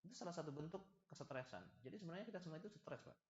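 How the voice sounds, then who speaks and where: Delivering a religious study lecture, a male preacher speaks at a racing pace in a slightly high voice. He stays animated and lively, joking with the audience and acting out small dialogues, and the hall recording comes across echoey and muffled.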